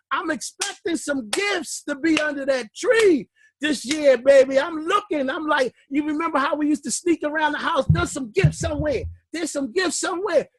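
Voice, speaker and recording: A man leading a class on a recorded call, delivering it like a fiery preacher, shouting one moment and murmuring the next, and out of breath. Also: very high voice. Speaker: class leader. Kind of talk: motivational teaching call.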